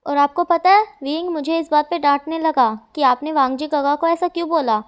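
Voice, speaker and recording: A woman's voice: sits high, normal speed, lightly acted. Teasing brotherly young man, read by a woman.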